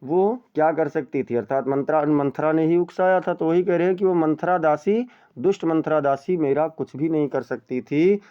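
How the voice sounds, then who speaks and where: Guy teacher going through a poem, reads the verses slow then explains, smooth voice, kinda dull lo-fi sound. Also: fairly high pitch. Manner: recites verses slowly, then paraphrases them plainly. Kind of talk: explaining a Hindi poem line by line.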